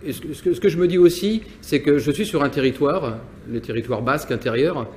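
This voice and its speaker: A French business owner from Nantes answers interview questions, reflecting personally in a hesitant way full of restarts and repeated words. His voice sits on the high side and moves fairly quickly, with slight background noise.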